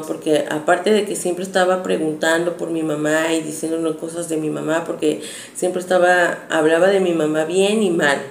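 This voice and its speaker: A woman recounts a personal story in an earnest, hesitant, chatty way. Her voice is low-pitched with a gravelly edge of vocal fry. The room around her is echoey, with a faint hum in the background.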